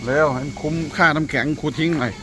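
A man's voice: a little high, rapid-fire. A man casually coaching a group, giving repeated, urging instructions. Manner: repetitive, urging commands. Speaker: coach supervising trainees in an ice bath.

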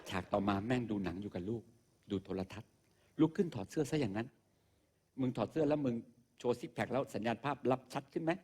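A man's voice: mid-range voice, lively intonation, fast, a little mellow, breathy edge. A man doing a stand-up comedy monologue on a live stage, crude, profane and mocking in how he talks. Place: live stage show with an audience.

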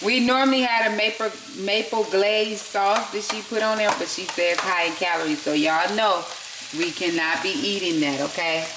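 A woman talks casually from behind the camera, narrating what the cook is doing and speaking to the viewers as y'all. She is in an echoey home kitchen where the frying and sizzling are clearly heard behind her voice. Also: mid-range voice, moderate pace, background noise. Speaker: co-host filming the cooking.

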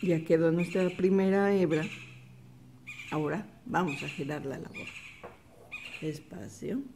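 A woman giving a patient, step-by-step embroidery lesson, calmly repeating each stitch. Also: fairly low pitch, moderate pace, background noise. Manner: calm step-by-step instruction, repeats the steps softly. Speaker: embroidery teacher. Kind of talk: slow, patient craft tutorial.

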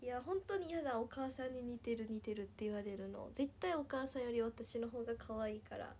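Young woman with a Nagasaki accent, high-ish voice, chatty idol livestreamer, giggly, slips into whispers. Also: a little fast, darkish tone, slight background noise. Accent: Nagasaki Japanese. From Nagasaki, Japan. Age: 20s. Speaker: idol livestreamer reading viewer comments. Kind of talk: casual livestream chat.

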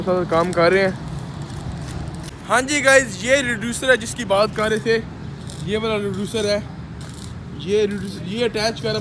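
A young man from Pakistan with a Punjabi-tinged Urdu accent, vlogging from a rooftop construction site and explaining the work to viewers. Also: high-pitched. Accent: Punjabi-influenced Urdu. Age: young adult. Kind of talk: casual vlog walkthrough. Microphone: phone camera held at arm's length. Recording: noisy outdoor phone recording.

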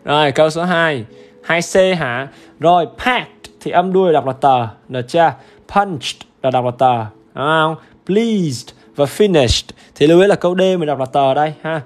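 A man whose voice sits a little high delivers a livestream exam-review lesson in English at a fairly quick clip. Upbeat and talkative, he keeps urging viewers to comment and returns to the audience with repeated check-ins.

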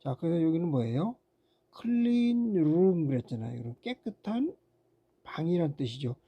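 An English teacher giving a recorded grammar lecture, patiently repeating words, pausing on fillers and asking rhetorical questions. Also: medium pitch, sing-song, breathy edge, dull audio. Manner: frequent "ja" fillers between steps.

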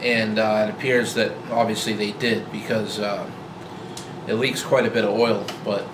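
This forties-aged vlogger rambles about his old truck to the camera, easygoing and full of fillers and restarts. His voice sits on the low side at a normal speed, recorded in a roomy garage with a loud hum.

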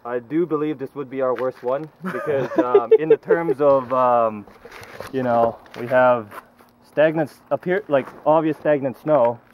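A man's voice: mid-range voice, measured pace, a crowd in the background. A young man chats casually and wryly outdoors, a few steps from the camera mic. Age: young adult. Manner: wry, joking. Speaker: vlog participant. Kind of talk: casual chat. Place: open foggy lakeside, outdoors. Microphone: camera mic a few steps away. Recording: dull outdoor camera audio with noise.

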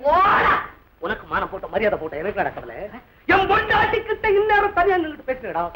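An actor playing a loud, mocking husband who taunts and shouts in a sing-song way, in classic film dialogue. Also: male voice, very high-pitched, huge pitch swings, fairly quick, full character voice, poor audio. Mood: taunting. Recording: hissy old film soundtrack.

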